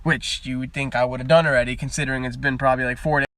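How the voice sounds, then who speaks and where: A man's voice: medium pitch, fairly even intonation, rapid-fire, a bit bright, no echo. A young man streaming live from his parked car at the beach, chatting casually and wandering from topic to topic, picked up by a phone mic. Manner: rambling, chatty, easily sidetracked.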